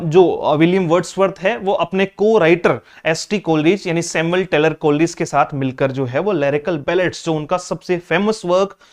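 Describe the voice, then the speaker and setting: A male teacher giving an exam-prep lecture, repeating key points and asking the class questions as he explains. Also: sits high. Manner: mixes English terms into his explanations.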